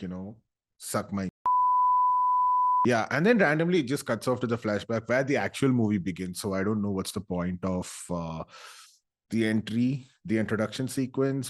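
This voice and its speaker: Sarcastic young man ranting. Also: fairly low pitch. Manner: animated, sarcastic, jumps into loud exclaiming bursts. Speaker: YouTuber. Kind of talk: casual comedic movie rant.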